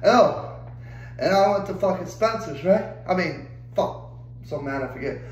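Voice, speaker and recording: Exasperated young guy ranting, cursing nonstop, high voice, faint hum behind. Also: animated, normal speed, echoey room, highs cut off. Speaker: vlogger. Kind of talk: angry rant to camera.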